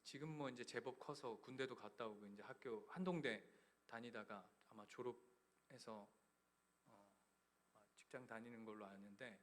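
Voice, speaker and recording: A male pastor giving a Christmas sermon in a church, telling stories with sudden loud bursts and hushed, nearly whispered passages. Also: mid-range voice, normal speed. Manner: storytelling preacher swinging from loud emphatic bursts to hushed near-whispers. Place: church sanctuary.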